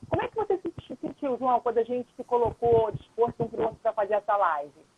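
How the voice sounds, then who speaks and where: A woman's voice: a little high, animated, fairly quick, slight background noise. A woman lawyer and mediator, a guest on a live stream, explaining patiently in a casual chat and often checking in with the listener. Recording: dull lo-fi live-stream audio, dry.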